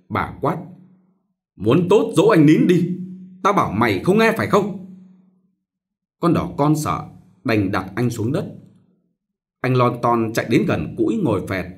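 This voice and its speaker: A man's voice: mid-range voice, a little mellow. A man reading a short story aloud, narrating expressively.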